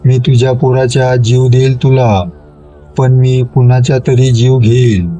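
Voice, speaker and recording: A man's voice: mid-range voice, level tone, measured pace, dark tone, lightly acted. A man voicing a menacing male demon spirit in a spoken horror story, talking in a growling, cackling manner.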